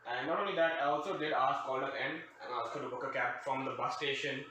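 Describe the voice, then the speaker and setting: Brisk and sharp-toned, a man with a mid-range voice tells a casual funny anecdote full of wry sarcasm and digressions. He hosts a storytime show and grew up somewhere other than the country he now lives in. The room is very echoey, the mic distant, with faint noise.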